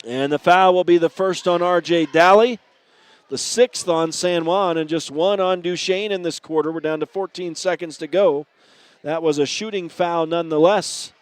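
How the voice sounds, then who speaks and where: A man calling a high school basketball game play-by-play, chatty and often correcting himself on air. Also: moderate pace, clean tone. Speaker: play-by-play announcer.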